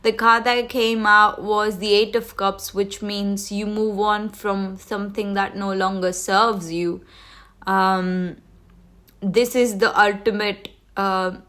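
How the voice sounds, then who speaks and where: Hosting a tarot reading on a livestream, a woman talks loosely, full of fillers and restarts, while a cold is coming on. Her voice sits in the mid range with a fairly bright tone.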